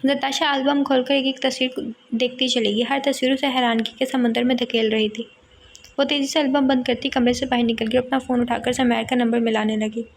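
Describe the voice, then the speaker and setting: A woman narrates an audio novel in a high, clear voice. She keeps a steady, even storytelling pace. Faint background noise sits under the reading. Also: a little fast.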